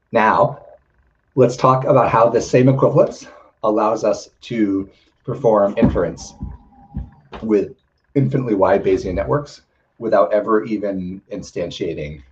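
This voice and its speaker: Male lecturer, very low voice, slightly hoarse, halting explanatory delivery, dull lo-fi recording. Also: darkish tone. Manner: frequent ums and restarts, explanatory. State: slightly losing his voice. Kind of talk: technical lecture.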